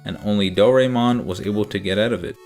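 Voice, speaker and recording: A man narrating a comedic video game review in a deadpan, sarcastic manner. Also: lowish voice, quick pace, soft background music.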